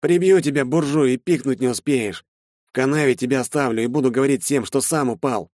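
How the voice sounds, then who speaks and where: A man's voice: on the high side, lively intonation, a little fast, a little mellow, no room sound, pitched above the performer's own voice. A male narrator putting on a surly young brawler of a recruit with a raised, strained voice. He whines to his superiors and mutters vicious threats through clenched teeth. The sound is close and dry. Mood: menacing. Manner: whiny, then hissing threats through teeth. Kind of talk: audiobook character voice.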